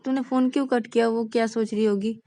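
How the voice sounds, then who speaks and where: A woman's voice: on the high side, fairly even intonation, quick pace, mellow, voice pushed up, close to an everyday voice. A woman voicing a caring young woman who talks in a soothing, coaxing way.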